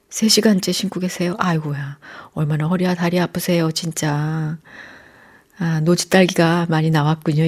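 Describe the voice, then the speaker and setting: A woman hosting a radio program, gently talking and reading out listener messages from a studio microphone. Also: on the low side. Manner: gentle, reads listener texts aloud.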